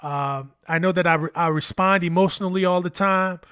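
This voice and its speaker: High-voiced man giving earnest relationship advice. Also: steady tone, a little fast, fairly bright tone, clean tone, no echo, clean studio sound. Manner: earnest, many "you know" fillers. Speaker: podcast co-host.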